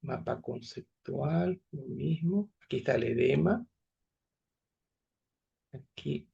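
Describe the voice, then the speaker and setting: Gravelly, husky male medical lecturer. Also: medium pitch, animated, slow, warm tone, highs cut off. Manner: explains step by step, asks students if they follow. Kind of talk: online class lecture.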